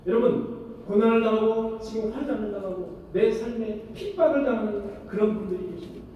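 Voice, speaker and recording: High-voiced pastor preaching in an echoey hall. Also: male voice, fairly quick, muffled recording, a little hiss or hum. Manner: preaching with rhetorical questions to the congregation. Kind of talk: sermon. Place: church sanctuary. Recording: echoey church hall from far off.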